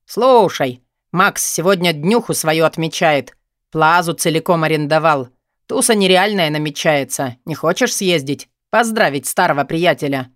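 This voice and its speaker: A man doing Mark, a pushy excited young pal. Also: a little high, moderate pace, hardly any pauses, dry recording, clean studio sound. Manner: eager, crude, insistent. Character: pushy excitable young man, loud party-loving friend.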